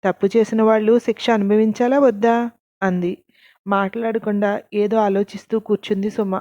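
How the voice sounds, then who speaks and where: A woman narrating a scripted story, reading every character's lines in the same even narrating voice. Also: medium pitch, moderate pace, no room sound, highs cut off.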